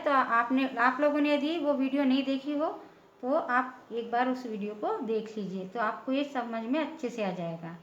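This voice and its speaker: A woman's voice: high voice, a bit bright. A woman teaching a patient, step-by-step lesson, often checking in with her listeners. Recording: echoey room, dull lo-fi sound.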